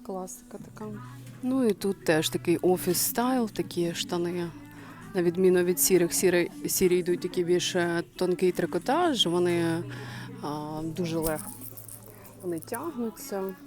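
A woman's voice: lowish voice, normal speed, darkish tone, faint music behind. A woman chatting to her viewers while browsing a clothing and home goods store, thinking aloud in a casual shopping vlog. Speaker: shopping vlogger.

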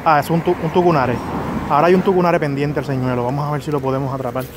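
Here the same kind of angler, a young man filming his own fishing at a tree-lined pond, talks fast in a voice on the high side. Mostly he mutters casually, then bursts out excitedly whenever a fish bites. The sound comes from a head or chest action cam outdoors, with faint background noise.

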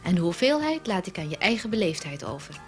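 Storybook husband, relaxed and offhand, read by a woman in her own voice. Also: lowish voice, fast, faint music behind. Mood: sheepish. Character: easygoing sweet-toothed husband.

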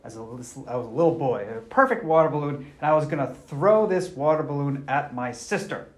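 A man serving as priest, reading the Gospel at Mass and then preaching a homily with a measured, storytelling delivery, his voice carrying a roomy church echo. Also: on the high side.

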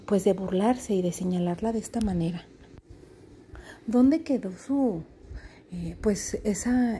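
A woman hosting a critical commentary, measured and questioning, with many fillers. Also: medium pitch, dark tone, a little hiss or hum. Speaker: commentary host.

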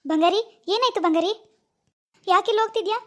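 Caring cartoon schoolboy, put on by a woman: high voice pushed lower, quick, concerned. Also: fairly bright tone. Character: caring teenage schoolboy boyfriend. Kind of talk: cartoon voice acting.

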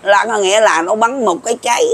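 High-voiced older Southern Vietnamese man. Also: fast talker, a bit bright, husky. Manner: rambling, folksy, repeats himself. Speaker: folk prophecy commentator. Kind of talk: casual monologue to viewers.

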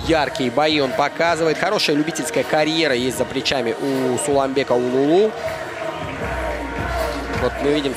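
Male boxing commentator, slightly high voice, halting live delivery, music playing behind.

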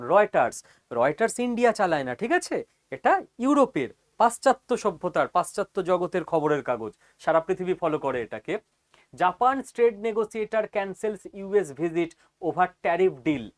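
Teaching in an explainer lecture, this high-voiced man stresses his points emphatically and frequently asks whether his audience is keeping up.

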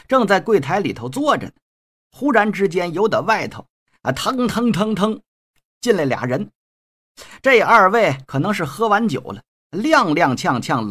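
A man narrating a classic novel in a lively, colloquial traditional storytelling style, with playful asides. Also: on the high side, slightly rough.

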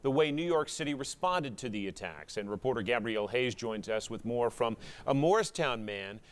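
A middle-aged American man anchors a television newscast. His pitch is average. He reads scripted introductions from the studio. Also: animated, moderate pace. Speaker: news anchor. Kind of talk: scripted news reading.

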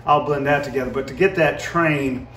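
A middle-aged man gives a hands-on lesson in a casual, rambling, folksy way. His voice sits at an ordinary male pitch. The sound is echoey and set back from the microphone, as in a hard-walled indoor room. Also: fairly even intonation, normal speed, fairly bright tone, a little hiss or hum. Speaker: goose calling instructor. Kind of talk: casual instructional demonstration. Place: indoor room with brick fireplace. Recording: roomy, echoey, distant microphone.

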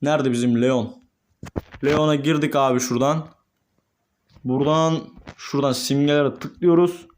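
Excitable young man commentating his gameplay. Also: fairly high pitch, moderate pace, a little hiss or hum. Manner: excitable, swings between calm murmurs and shouting. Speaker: gaming YouTuber.

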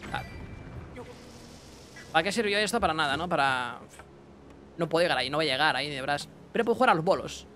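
A young man giving casual let's-play commentary, excitable, talking to himself and his chat with bursts of yelps. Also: on the high side, fast, long pauses, slight background noise. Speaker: gaming streamer.

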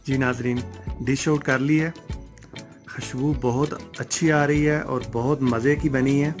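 A man with a Pakistani Urdu accent hosts a home cooking tutorial on his cooking channel, giving calm, step-by-step instructions in a home kitchen and often saying "theek hai". His mid-range voice is unhurried, with background music and the sizzle of frying oil behind him.

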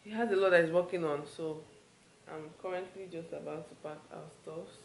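A crowd can be heard behind a young Nigerian woman as she vlogs casually to camera in a hotel room, her fairly low voice at normal speed. Relaxed and chatty, she lets her talk run on. The handheld camera mic, at arm's length, yields a roomy sound with clear background noise.

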